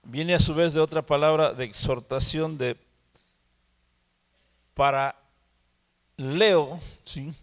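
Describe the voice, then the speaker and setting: A man teaching the Bible at a prayer meeting. He talks slowly, repeats words and keeps asking "¿sí?". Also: on the high side, fairly even intonation, in a large hall. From Mexico. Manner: slow, repeats words and asks "¿sí?". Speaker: preacher.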